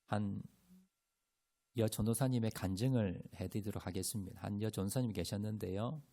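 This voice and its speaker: A man's voice: fairly low pitch, brisk, mellow. A man preaching a sermon, telling a testimony in an earnest way with many fillers and growing emphasis. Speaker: pastor. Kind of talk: sermon storytelling. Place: church sanctuary.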